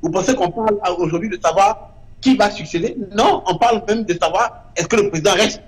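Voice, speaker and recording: Brisk and high-voiced, a male guest artist gives an impassioned interview, stressing his points and repeating brief verdicts.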